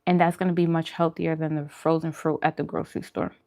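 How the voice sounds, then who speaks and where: Fast, creaky, and dark-toned, this woman's low voice stays fairly level in pitch. She's hosting a vegan mukbang and casually answering livestream viewers, firmly pushing her food opinions and repeating phrases for emphasis.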